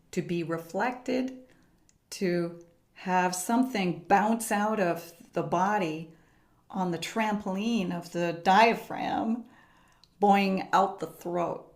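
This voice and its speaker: On a podcast, a middle-aged woman who teaches voice walks through her method in a calm, measured, unhurried way, her pitch sitting on the low side.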